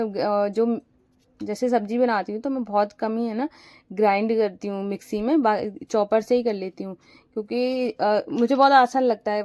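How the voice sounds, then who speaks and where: A woman's voice: on the high side, warm tone, no room sound. A young woman narrating her household chores in a chatty, rambling home voice-over while sick with a fever. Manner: chatty and rambling, frequent fillers. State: feverish and weak. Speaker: home vlogger.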